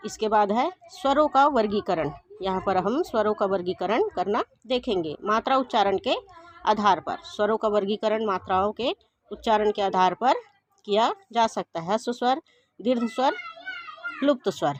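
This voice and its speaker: A woman teaching a grammar lesson, asking questions and answering them herself, and repeating each definition slowly. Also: mid-range voice, no room sound.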